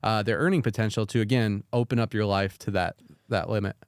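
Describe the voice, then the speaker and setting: A man with a lowish, clean-toned voice and a brisk delivery hosts a laid-back interview chat from a Las Vegas podcast studio. His questions ramble on at length in a relaxed, conversational way, and the sound is clean studio audio without room sound.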